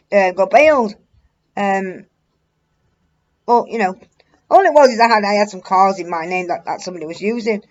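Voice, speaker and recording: A woman's voice: medium pitch, darkish tone, highs cut off. A woman, telling a rambling, blunt, sweary story to her viewers. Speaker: vlogger. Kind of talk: casual storytelling to camera.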